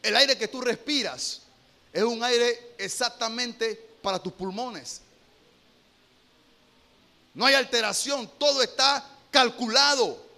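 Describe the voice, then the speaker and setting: High, bright-voiced preaching pastor. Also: male voice, takes it slowly, gravelly, long pauses. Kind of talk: sermon.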